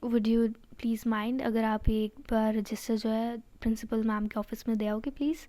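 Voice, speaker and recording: Courteous college teacher, voiced by a woman; formal and soft, mid-high voice. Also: level tone, measured pace, natural voice. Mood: polite. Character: polite female college teacher.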